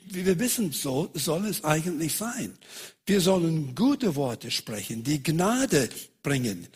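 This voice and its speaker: A man preaching a sermon, hesitant with many fillers, lifting his voice on emphasized scripture lines. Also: breathy edge. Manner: raises pitch and volume on emphasized quotes.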